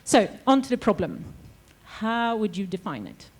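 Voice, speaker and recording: A woman's voice: mid-range voice, sing-song, moderate pace, a little mellow. Woman moderating a conference panel. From Sweden. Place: conference stage.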